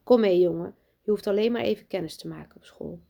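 A woman's voice: medium pitch, fast talker, creaky, dark tone. Woman playing a kindly old grandfather. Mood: coaxing. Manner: coaxing, kindly. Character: gentle, sad grandfather.

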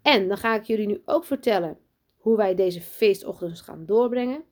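A woman voicing a strict, pompous headmistress in a children's storybook reading, loud, high and commanding. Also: animated, moderate pace, lightly acted. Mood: bossy. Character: strict pompous female headmistress, bossy and boastful.

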